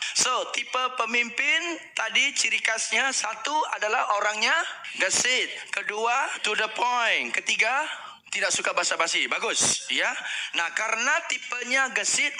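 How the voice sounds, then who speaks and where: A man's voice: high voice, sharp tone. A middle-aged man teaching customer service, acting out dialogues between customers and staff. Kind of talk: training lecture.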